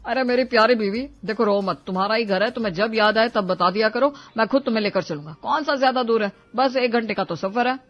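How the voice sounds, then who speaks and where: A woman's voice: on the high side, fast, hardly any pauses, lo-fi sound, natural voice. A woman voicing a put-upon young husband in a cartoon, complaining and teasing by turns. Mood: coaxing. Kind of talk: cartoon voice acting.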